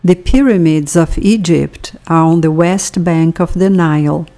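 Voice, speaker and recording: Speaking in a slightly low, mellow voice, a Brazilian woman teaching a language reads through a scripted lesson in both languages. Every phrase comes very slowly and deliberately, with pauses left for the listener to repeat it.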